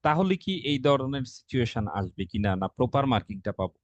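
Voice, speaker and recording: A man's voice: mid-range voice, animated, fast talker, no room sound, highs cut off. A man, a student in an online class, asking a long question hesitantly and searching for words.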